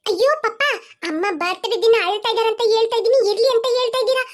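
A woman's voice: very high voice, very fast. A woman voicing a chatty, stubborn little kid in a cartoon who keeps pleading with a parent. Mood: insistent. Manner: pleading, repeats mom and dad. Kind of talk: cartoon voice acting.

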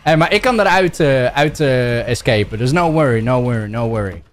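A young man with a Dutch accent giving excitable gameplay commentary, shouting and yelping playfully as he plays. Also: moderate pace, a little hiss or hum. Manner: shouty, playful, bursts into silly high yelps. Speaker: gaming YouTuber.

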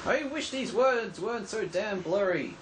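Male gamer, fairly high voice, casual play commentary, clear background noise. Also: animated, unhurried, reverberant. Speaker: gamer recording a playthrough. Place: indoors, in front of a television. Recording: noisy room, camera filming TV.

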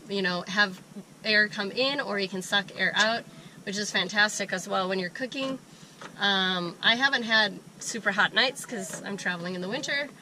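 A woman in her thirties, stuffed up from a cold that has made her sound like a smoker, chats through an explanatory tour of her small camper van, whose doors are open, with casual talk and self-mocking remarks. Her medium-pitched voice is pushed and bright. Sound comes from the camera mic a few feet away, noisy handheld action-camera audio.

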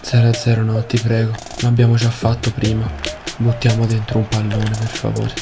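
A man giving gameplay commentary, keeping his voice low late at night and breaking into exasperated outbursts and muttered swearing. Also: monotone, moderate pace, vocal fry, loud music behind the voice. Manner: talks quietly late at night. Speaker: gaming YouTuber.

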